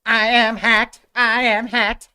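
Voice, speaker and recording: A man voicing a glitching, malfunctioning male helper robot that stutters and shouts robotic lines as a comic bit. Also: very high-pitched, flat delivery, takes it slowly, clean tone, pitched above the performer's own voice, heavily acted. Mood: glitching panic. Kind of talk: comic bit in a solo talk show.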